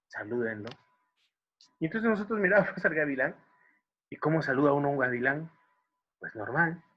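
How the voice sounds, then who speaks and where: A Guatemalan man, a writer, gently telling stories to children over a video call, asking them questions and repeating words for emphasis. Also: medium pitch, slightly rough, dull audio. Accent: Guatemalan Spanish. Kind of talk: storytelling for children.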